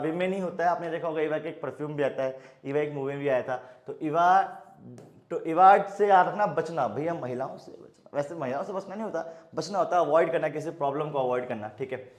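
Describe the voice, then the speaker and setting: A man teaching a lively online vocabulary lesson, mixing Hindi and English, with playful jokey asides and a steady "okay" between words. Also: fairly high pitch, reverberant. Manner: lively, mixes Hindi and English, repeats "ठीक है" often.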